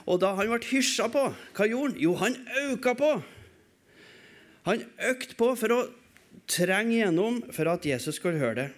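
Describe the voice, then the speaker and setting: A man preaching a sermon in a church service, asking rhetorical questions and swinging between raised calls and quiet, low passages. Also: lively intonation. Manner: emphatic, asks rhetorical questions and answers them.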